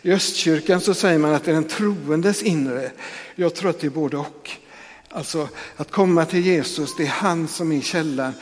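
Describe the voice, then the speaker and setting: A pastor giving a conversational sermon in a church, with frequent tag questions and restarts. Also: male voice, fairly high pitch, big-room sound.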